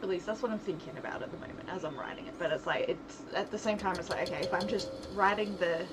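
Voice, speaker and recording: Speaking quickly in a lowish register, this livestream host, a writer and game developer, muses aloud while working. Her talk is loose and meandering, full of self-interruptions, and the live audio carries heavy noise.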